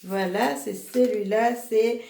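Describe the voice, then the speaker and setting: A woman gives a slow, unhurried product demonstration from home. She hesitates constantly, restarting sentences and filling gaps, and laughs at her own slips. The room around her echoes noticeably. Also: a little high, steady tone, vocal fry, warm tone, a little hiss or hum. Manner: hesitant, many fillers and restarts, laughs at herself; slow, halting delivery. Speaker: product seller presenting her range. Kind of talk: casual product demo video.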